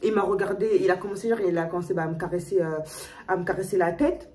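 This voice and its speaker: A woman's voice: on the low side, fast talker, a little mellow, distant mic, a little hiss or hum. A young woman vlogging a personal story to her viewers, talking emotionally and repeating herself with lots of fillers and restarts. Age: young adult. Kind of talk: storytime vlog, casual chat to viewers.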